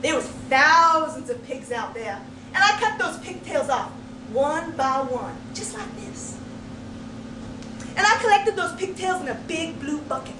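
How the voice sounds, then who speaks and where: Competing in a speech contest, a woman tells a comic tall tale with theatrical emphasis, dramatic pauses, and folksy storytelling turns of phrase. Her voice sits high and sounds animated. A distant microphone in the indoor contest room yields a roomy, noisy live recording from far off.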